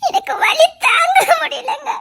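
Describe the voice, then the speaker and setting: A woman's voice: extremely high pitch, fast talker. A woman playing a wailing pregnant wife. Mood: pained. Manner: wailing, half laughing half crying. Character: young pregnant wife in labour pain.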